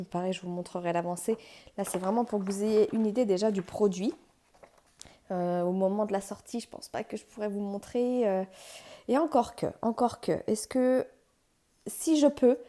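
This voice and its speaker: A young woman hosts a relaxed crafts vlog, gushing with excitement as she unboxes a new kit. Her voice is mellow and warm, mid-pitched, and she laughs often between chatty, meandering sentences. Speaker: crafts channel host.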